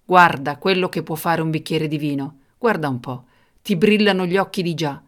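A woman voicing a cruel, mocking male king who booms and shouts. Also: moderate pace, natural voice. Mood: jeering. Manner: booming, jeering, shouting.

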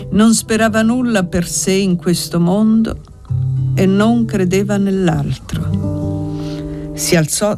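A woman reading a novel aloud as the narrator, in a measured, unhurried, dramatic way. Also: lowish voice, dark tone.

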